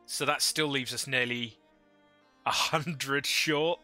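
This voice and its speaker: Streamer man on headset mic, bright. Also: mid-range voice, fairly even intonation, slow, faint music behind. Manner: thinks aloud, chats with viewers. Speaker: livestreamer playing a strategy game. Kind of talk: casual live gameplay commentary.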